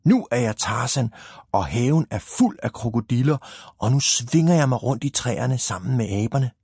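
A man's voice: lowish voice, warm tone, slightly rough, dry recording, clean studio sound. A man voicing a small, dreamy, skinny boy with glasses who talks shyly and hesitantly. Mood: eager.

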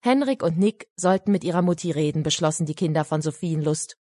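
A woman reading a children's story as audiobook narrator, calm and even. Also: low-pitched, fairly quick, no room sound. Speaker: audiobook reader. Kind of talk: scripted narration. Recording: dry studio voice.

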